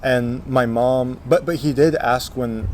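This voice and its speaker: A man's voice: mid-range voice, slow, darkish tone, a little hiss or hum. A man in his twenties, born in Texas, telling his life story in a casual interview, with many fillers and restarts. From Texas, USA. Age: 20s. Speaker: interview guest.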